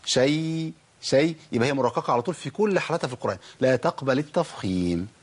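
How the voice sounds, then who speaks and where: A man's voice: mid-range voice, big pitch swings, rapid-fire, darkish tone, husky. A man with an Egyptian Arabic accent teaching a Quran recitation lesson. He drills his students and asks and answers his own questions. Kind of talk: Egyptian colloquial tajweed lesson.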